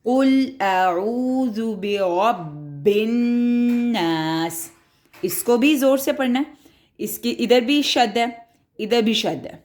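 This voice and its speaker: A woman teaching Quran reading in a recorded tutorial, explaining each rule patiently, step by step. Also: on the high side. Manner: patient, explains step by step, mixes in English words.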